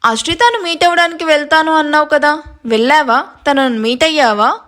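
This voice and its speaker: A woman voices an impatient co-plotter in an audio story, eager and pushing for answers. The voice sits high and lively. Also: brisk.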